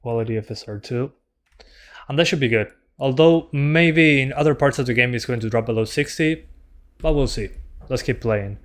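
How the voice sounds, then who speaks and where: A man's voice: medium pitch, moderate pace, a bit bright. A man doing casual gameplay commentary as a streamer, chatting with his viewers as he plays. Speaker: game streamer.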